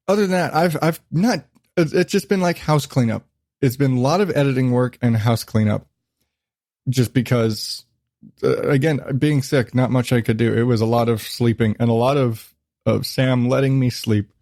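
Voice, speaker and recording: In studio-quality sound with no echo, a man in his thirties hosts a casual solo podcast, rambling and swearing freely. His medium-pitched voice has a darkish tone, and a lingering cough shows he's still getting over a cold.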